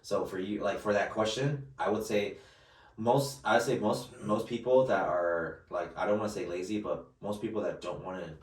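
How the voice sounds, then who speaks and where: A man's voice: lowish voice, fairly even intonation, normal speed, recorded from a distance. A man in his late twenties co-hosting a casual podcast chat, rambling with many restarts and fillers. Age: late 20s. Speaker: podcast co-host. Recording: roomy sound, mic set back.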